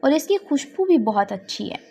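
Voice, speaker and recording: A woman teacher narrates a slow tutorial over slides, patiently going through quiz answers, repeating each question and translating the English lines. Her high-pitched voice is very animated yet mellow, at a moderate pace.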